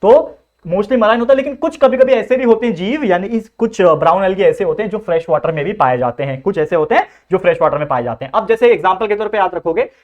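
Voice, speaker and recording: A man's voice: high voice, lively intonation, fast talker, muffled recording. A young man teaching a biology lecture. He mixes English terms into his Hindi and asks questions that he answers himself. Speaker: biology tutor. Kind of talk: classroom lecture.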